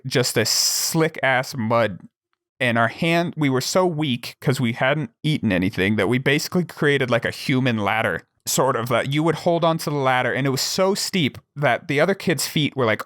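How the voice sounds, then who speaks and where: Young man, podcast guest; casual, animated storyteller who laughs and swears along the way; dry, close sound. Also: mid-range voice, moderate pace, dry recording.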